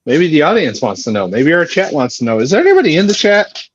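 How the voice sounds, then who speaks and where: A man's voice: on the high side, very animated, fast talker, slight background noise. A man co-hosting a podcast over a phone, joking and teasing in casual chat. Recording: dull lo-fi phone audio.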